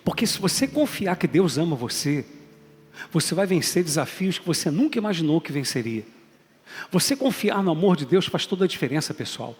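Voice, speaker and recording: A man's voice: a little high, very animated, fairly quick. A man with a Brazilian Portuguese accent preaching a sermon as a bishop, emphatic and calling out to the congregation. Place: large church hall. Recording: long hall reverb, faint music.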